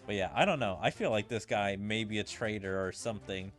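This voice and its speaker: A man with a lowish, fairly bright voice talks fairly quickly as a video game streamer, with game music behind him. His commentary is casual and rambling, full of filler words and speculation, and he reads the game's dialogue aloud.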